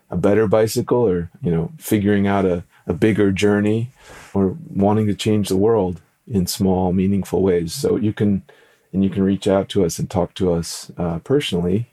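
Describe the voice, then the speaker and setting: A man's voice: sits low, dark tone. A man co-hosting a podcast, telling stories in a casual, upbeat and playful conversational way. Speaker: podcast co-host.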